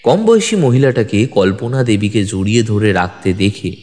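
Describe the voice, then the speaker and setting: With a lowish, darkish voice that's expressive and moves at normal speed, a man dramatically narrates a scripted detective story in the first person. A music bed with long reverb sits behind him.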